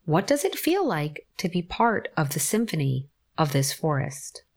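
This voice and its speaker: A woman guiding a forest bathing meditation, giving calm, gentle instructions with long pauses. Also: low-pitched. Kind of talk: guided meditation narration.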